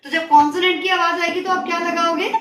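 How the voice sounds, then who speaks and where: A woman's voice: very high voice, steady tone, quick pace, a bit bright. A woman school teacher giving a grammar lesson to children, patiently repeating her questions and coaxing answers from them. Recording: echoey room, voice from a distance.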